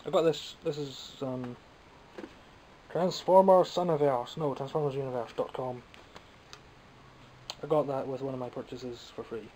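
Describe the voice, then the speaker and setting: This young Scotsman, a toy collector vlogger, chats wryly about his haul from behind the camera, rambling and self-mocking, a bit phlegmy with occasional coughing. His mid-range voice is warm, moving at a moderate pace with frequent pauses. The camera mic recording is low-quality, with slight background noise.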